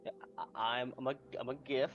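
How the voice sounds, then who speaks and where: A man's voice: medium pitch, steady tone, fairly quick, slight background noise. Blunt man player, dull lo-fi mic. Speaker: tabletop game player. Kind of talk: casual in-character game chat. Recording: dull lo-fi mic, music behind.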